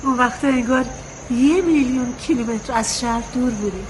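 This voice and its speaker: An actress playing a patient middle-aged wife who gently soothes and pleads with her husband. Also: fairly high pitch, noisy background, natural voice. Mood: soothing. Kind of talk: radio drama acting.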